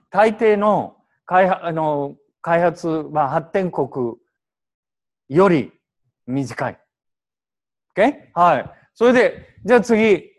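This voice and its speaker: A man teaching an English translation class in Japanese, prodding students with questions and switching into English. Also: on the high side.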